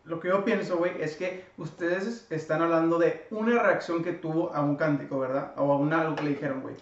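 Insistent high-voiced Mexican man. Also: a little fast. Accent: Mexican Spanish. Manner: insistent, fillers every phrase. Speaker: podcast co-host. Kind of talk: casual debate. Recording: echoey room, distant mic, dull sound.

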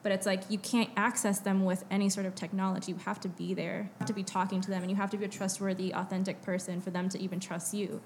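A woman's voice: mid-range voice, level tone, fast, hardly any pauses, darkish tone, slight background noise. A woman guest on a podcast, explaining her business in a casual, easygoing way with lots of "like" and "you know.". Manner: easygoing, filler-heavy explaining. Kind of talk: casual chat.

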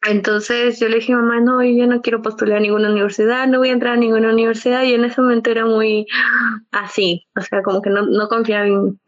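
A young woman chatting casually, telling a personal story in an animated way that relives the moments as she goes. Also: fairly high pitch, fast talker, dry recording. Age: young adult. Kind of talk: casual chat. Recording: dull lo-fi sound, dry.

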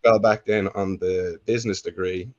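Young Irish guy, low voice, relaxed chatty storyteller, on a dull dry line. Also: normal speed, crowd noise. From Ireland. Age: young adult. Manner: rambling, self-correcting, laid-back. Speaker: guest. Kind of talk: casual interview storytelling.

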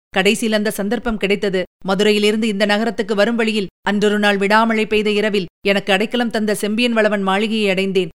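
A woman's voice: medium pitch, clean tone, lightly acted. A woman voicing an earnest, lovesick young prince who speaks in pleading, emotional questions.

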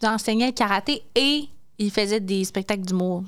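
A woman's voice: medium pitch, fairly quick, smooth. A woman with a Quebec French accent, a teacher chatting casually and informally. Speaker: school teacher, guest in conversation. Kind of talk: casual chat.

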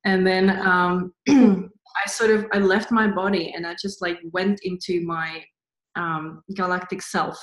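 A woman guest in a casual spiritual interview, rambling with many "like" fillers and soft laughs. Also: lowish voice, steady tone, measured pace. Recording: roomy echo.

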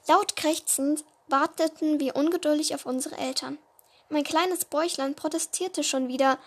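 High-voiced woman reading her story haltingly. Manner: halting reading, often restarting words. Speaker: storyteller of a podcast-style series.

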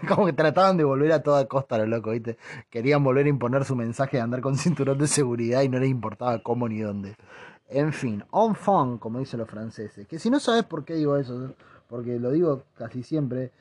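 A man's voice: medium pitch, a little fast, darkish tone, dry recording. Joking Argentine man, dry close sound. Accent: Argentine Rioplatense Spanish. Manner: rambling, joking, mock foreign accents. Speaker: podcast host. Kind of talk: casual comic monologue.

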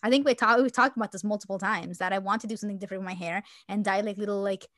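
A woman's voice: medium pitch, fairly even intonation, very fast, fairly bright tone, no echo, studio quality. A woman co-hosting a podcast in casual chat, rambling and reflective with many fillers. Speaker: podcast co-host.

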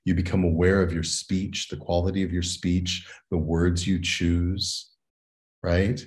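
Low-voiced male guest, an earnest educator, unhurried and reflective. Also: little pitch movement. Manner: earnest and reflective, often adds "right?". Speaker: educator and consultant, interview guest. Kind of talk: interview conversation.

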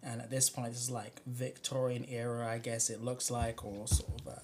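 A man's voice: medium pitch, level tone, moderate pace, a little mellow, a little hiss or hum. A young man hosting a podcast in casual chat, summarizing loosely and hedging with many fillers. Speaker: podcast host.

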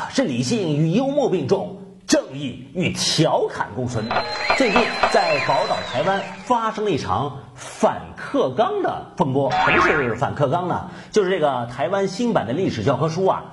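A male talk show host mocks his topic in a satirical monologue. His pitch swings lively and sits a bit high. Loud noise runs behind him. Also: moderate pace. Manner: mocking, chuckling asides.

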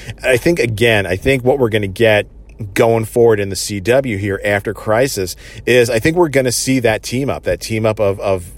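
Male reviewer, lowish voice, loose unscripted episode recap full of fillers. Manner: rambling, lots of "you know" and "uh" fillers.

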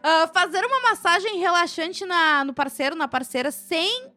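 A woman's voice: very high voice, expressive, normal speed, sharp tone. A woman with a southern Brazilian accent chatting casually and teasingly as a podcast co-host. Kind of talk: casual chat.

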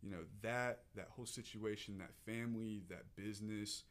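A man's voice: lowish voice, steady tone, moderate pace. A man, telling a personal story as a podcast guest, earnest and emotional, often restarting his sentences.

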